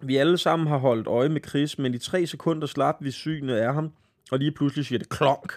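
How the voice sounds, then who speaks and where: A man hosting a podcast, reading a listener's story aloud in a lively, laughing way and stumbling over words now and then. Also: on the high side. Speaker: podcast host.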